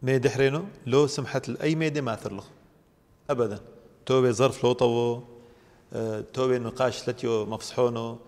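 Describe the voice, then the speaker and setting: A man's voice: mid-range voice, fairly even intonation, brisk, pauses often, darkish tone, long reverb tail. A man, a priest, explaining religious teaching at length on a TV program. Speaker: priest guest.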